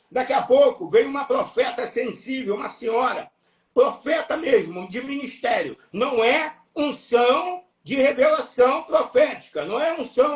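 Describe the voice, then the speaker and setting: A man with a Brazilian Portuguese accent preaching an impassioned sermon, emphatic and repetitive, breaking into shouts. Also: extremely high pitch. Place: church or live stream hall. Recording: echoey room, voice from far off.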